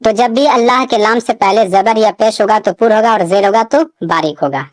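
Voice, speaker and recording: A woman teaching Quran reading, reciting words slowly and drawn out, with quick explanations between them. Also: medium pitch, no room sound.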